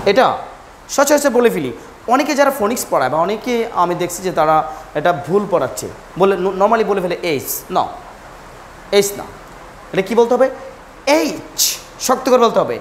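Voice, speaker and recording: A woman's voice: mid-range voice, slight background noise. A woman teaching English pronunciation, repeating each letter sound and correcting common mistakes. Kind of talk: pronunciation lesson, drilling letters.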